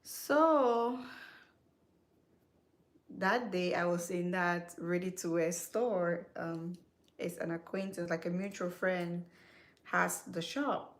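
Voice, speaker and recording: A woman's voice: on the low side, slow, long pauses. A young woman from Cameroon, chatting casually to her viewers as a skincare vlogger while she does her makeup, with many fillers, repeated words and self-corrections.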